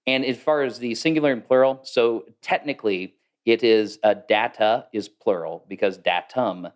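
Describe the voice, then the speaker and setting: A man's voice: medium pitch, normal speed. A man speaking as a podcast guest, explaining ideas in a thoughtful, casual way with fillers. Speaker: guest, AI consultant. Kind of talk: casual interview talk.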